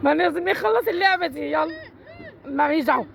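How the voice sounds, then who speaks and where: A woman's voice: high voice, quick pace, gravelly, crowd noise. A woman with an Egyptian accent running a family party game, teasing and bossing the players playfully. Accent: Egyptian Arabic. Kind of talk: casual family chat.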